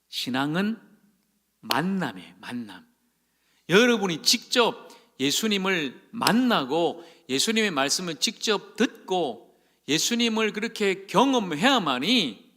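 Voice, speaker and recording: A man preaches to his congregation in a high, bright voice. His pitch swings widely, and he keeps turning to the listeners with folksy questions. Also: long reverb tail. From Gyeongsang Province, Korea. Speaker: pastor. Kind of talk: sermon. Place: church sanctuary.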